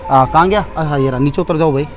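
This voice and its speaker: A man's voice: fairly high pitch, fast, dull audio, a little hiss or hum. A man giving a live demonstration speech at a school seminar, coaxing the children and mixing in English phrases. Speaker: seminar presenter.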